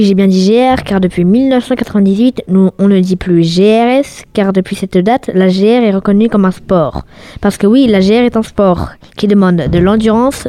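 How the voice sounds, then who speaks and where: Mellow-voiced woman presenting a report. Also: medium pitch, no room sound. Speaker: presenter and interviewer. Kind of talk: scripted sports report presentation.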